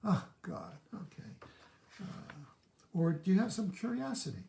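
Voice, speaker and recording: Candid man giving a mellow echoey talk. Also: high voice, wildly swooping pitch, measured pace, gravelly. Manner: candid, reflective, self-disclosing. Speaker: self-help show host. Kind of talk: live-streamed teaching talk.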